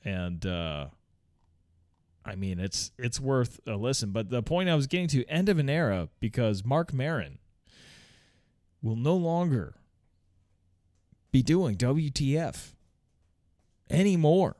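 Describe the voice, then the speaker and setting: Recorded close-miked at home with no room sound, this thirtysomething solo podcaster rambles, restarts, uses lots of fillers, swears freely and laughs a lot. His mid-range voice is expressive and a little mellow, slow and full of pauses.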